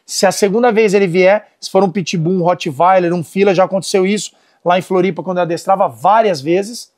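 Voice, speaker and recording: High-voiced and a little fast, this middle-aged man trains dogs and speaks with a Brazilian Portuguese accent. His casual instructional talk mixes lively storytelling with commands aimed at dogs and helpers.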